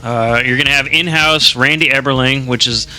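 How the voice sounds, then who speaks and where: A man co-hosting a laid-back podcast, his voice very bright and cutting. He talks loosely, full of fillers and swearing, joking with his friends. Faint music sits under the talk. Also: mid-range voice, steady tone, normal speed. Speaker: podcast co-host. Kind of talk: casual chat.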